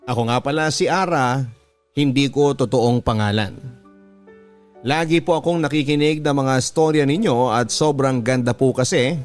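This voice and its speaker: A radio host with a Filipino accent reads listener letters as earnest, scripted first-person stories. His medium-pitched voice moves at a normal speed over background music.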